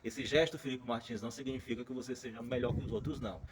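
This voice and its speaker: A man's voice: medium pitch, fairly even intonation, quick pace, noisy background. A man with a Brazilian accent hosting political commentary, sarcastic and mocking in tone. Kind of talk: opinionated commentary.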